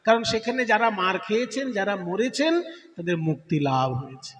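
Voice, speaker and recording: A man's voice: high-pitched, lively intonation, moderate pace, fairly bright tone, reverberant, big-room sound. A man telling a devotional story in a kirtan performance, explaining words playfully and asking the listeners questions.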